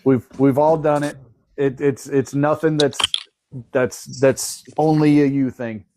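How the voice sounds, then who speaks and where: Easygoing man, stammering, slightly high voice. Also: fairly even intonation, unhurried, noisy background. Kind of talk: casual chat.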